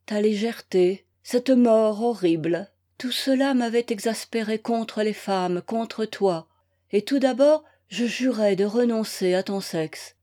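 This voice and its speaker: An anguished young gentleman blames himself in slow, heavy phrases, as a woman reads his lines. The tone stays mellow and a touch high, and each line carries the weight of self-reproach. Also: natural voice. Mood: remorseful. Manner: curt, then desperate and self-reproaching. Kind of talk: read-aloud novel, acted dialogue.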